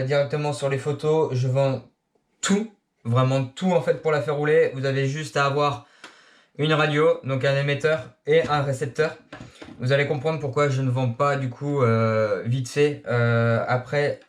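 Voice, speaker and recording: A young man from France in his late teens, introducing his RC hobby channel in a casual, hesitant way with many filler sounds, recorded on an action camera. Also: medium pitch. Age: young adult. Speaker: RC hobby YouTuber.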